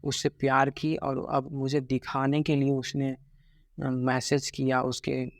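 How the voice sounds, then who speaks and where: A young man talking in a halting, regretful way about his heartbreak in a personal vlog, with many pauses and restarts. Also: medium pitch, monotone, vocal fry, dry recording. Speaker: vlogger.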